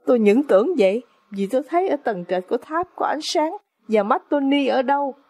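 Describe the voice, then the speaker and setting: A woman's voice: sits high, expressive, fairly quick, darkish tone, no echo, clean studio sound. A woman narrating an audiobook in a dramatic, suspenseful storytelling manner.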